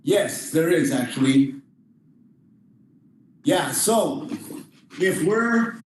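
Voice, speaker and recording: High-voiced male martial arts coach, very echoey. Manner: informal, explanatory, step-by-step. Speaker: jiu-jitsu instructor. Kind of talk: hands-on class demonstration. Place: indoor training room. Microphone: distant camera microphone. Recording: distant mic, very echoey room, faint noise.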